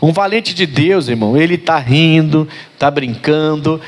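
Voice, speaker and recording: Emotional pastor telling a story. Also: male voice, a little high, a little slow. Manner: emotional, swings from hushed to loud, colloquial address to listeners. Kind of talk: sermon with personal storytelling.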